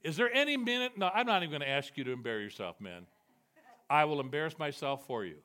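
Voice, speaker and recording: A male preacher giving a sermon to a congregation, animated and self-deprecating, switching between loud emphatic bursts and quiet confessional asides. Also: a little high, quick pace. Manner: animated and self-deprecating, quoting God and Jesus in a raised voice. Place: church, before a live congregation.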